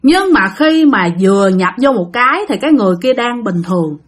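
Brief: woman storyteller, dramatic, addresses the audience, lively intonation. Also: a little high, a little fast. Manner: dramatic, addresses listeners directly. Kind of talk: spoken ghost story narration.

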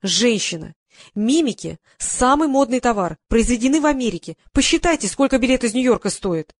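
Woman reading pushy young shopgirl, higher and brighter than the narration, dry close sound. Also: animated, fairly quick, no echo. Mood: indignant. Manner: brash, pushy sales talk. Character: pushy young female toy shop saleswoman.

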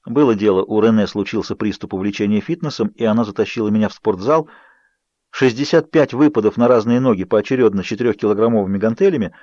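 A man reading a novel aloud in an even, measured voice. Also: fairly low pitch, dry recording, lo-fi sound. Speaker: audiobook reader. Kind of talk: scripted novel narration.

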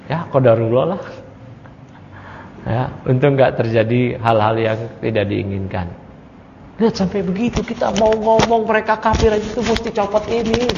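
High-voiced man lecturing in an echoey hall. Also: creaky, a little hiss or hum. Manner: animated, fires rhetorical questions at the audience. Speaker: Islamic religious teacher. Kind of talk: study-circle lecture on a creed text. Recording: echoey hall, dull lo-fi sound.

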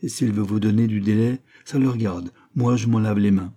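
A man's voice: lowish voice, steady tone, fairly quick, mellow, close to an everyday voice. A man reading an audiobook, voicing a curt, sarcastic head law clerk with a brusque, impatient manner.

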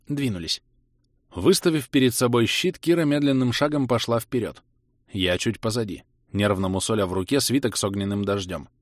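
A man narrating a first-person audiobook in an expressive, measured storytelling manner. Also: on the low side, no room sound, clean studio sound.

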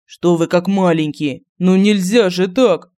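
A man voicing a polite, firm young man who calms down quarrels, in an audiobook. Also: high voice, a little slow. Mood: soothing. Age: young adult.

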